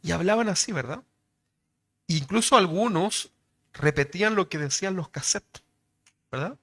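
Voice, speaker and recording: A man's voice: high voice, animated, normal speed, pushed and bright. A man with a Chilean accent preaching a sermon in a conversational way, checking in with rhetorical questions after nearly every phrase. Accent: Chilean Spanish.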